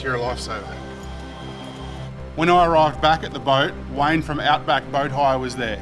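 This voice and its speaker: Australian man, casual vlogger, over loud music. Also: medium pitch. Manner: easygoing, slangy, good-humoured. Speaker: vlog host. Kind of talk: casual vlog narration and chat.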